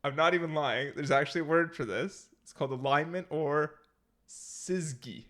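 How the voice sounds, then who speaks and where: A man's voice: fairly high pitch, moderate pace, fairly bright tone. A Canadian man co-hosting a podcast from home, chatting casually and laughing often as he tells stories. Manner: laughs often, playful storytelling. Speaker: podcast co-host. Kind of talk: casual chat. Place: home room.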